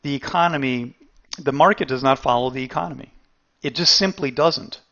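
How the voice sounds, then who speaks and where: A middle-aged man teaching trading in a live webinar, talking straight to his viewers and chat, animated and laughing at his own points. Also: medium pitch, normal speed. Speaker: trading educator.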